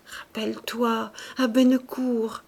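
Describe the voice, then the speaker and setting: A woman's voice: a little high, level tone, slow, gravelly, darkish tone, exaggerated voice. A woman reading an audiobook voices a desperate young woman pleading with her lover, passionately, from fury to tender whispers.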